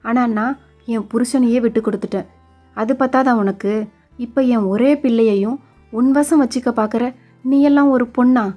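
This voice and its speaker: A jealous wife lashes out in quick, sharp bursts, her voice set a little high as a woman narrator acts her out. A soft music bed plays faintly beneath the storybook reading. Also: muffled recording, lightly acted. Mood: angry scolding.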